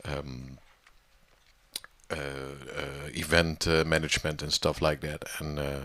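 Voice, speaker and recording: Man, very deep voice, casual interview talk, halting with many fillers, dry close sound. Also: little pitch movement, bright, forceful tone, no room sound. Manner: hesitant, many fillers and restarts. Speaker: online music community organizer.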